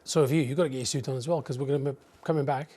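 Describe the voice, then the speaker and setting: A man's voice: mid-range voice, steady tone, rapid-fire, mellow. A man presenting a sports broadcast from the studio, handing over to pundits.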